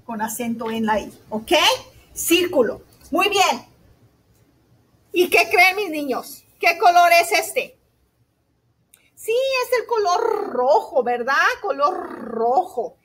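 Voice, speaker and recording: A woman teacher giving a remote lesson to young children, slow, sweet and encouraging, asking "ok?" often and mixing in English words. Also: high voice, sing-song. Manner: mixes in English words like "so" and "all right".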